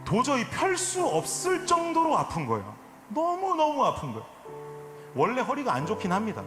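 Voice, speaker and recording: A man in his forties preaches a sermon in a reverberant church sanctuary while soft music plays behind him. His voice sits very high for a man and moves in lively swings. He shifts from relaxed storytelling into impassioned, shouted appeals. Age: 40s. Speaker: pastor. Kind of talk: sermon with personal anecdote.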